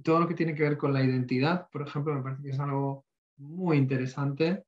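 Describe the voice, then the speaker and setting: A man with a fairly high voice speaks as a panelist in a reflective, informal way. He often checks in with tag questions. The recording is very roomy and a little muffled. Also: fairly even intonation, a little fast. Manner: reflective, frequent tag questions and English tech terms. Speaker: panel participant. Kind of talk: informal expert discussion. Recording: echoey room, dull lo-fi audio.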